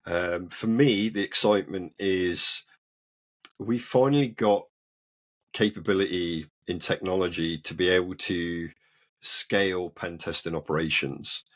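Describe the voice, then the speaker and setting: A man who is the guest in an interview, explaining his work in a relaxed way. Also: deep voice, a little slow. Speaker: guest, cyber security researcher. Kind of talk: casual interview.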